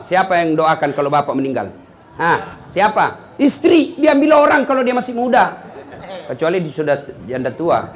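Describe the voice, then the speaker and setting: A man preaching a humorous sermon to an audience, lively and teasing, mimicking the people he talks about. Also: very high voice. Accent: Makassar.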